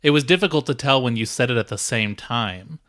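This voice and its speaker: Brisk and somewhat bright, this medium-pitched male voice belongs to a podcast producer. His casual chat comes across as distracted and offhand, with "like" dropped in constantly.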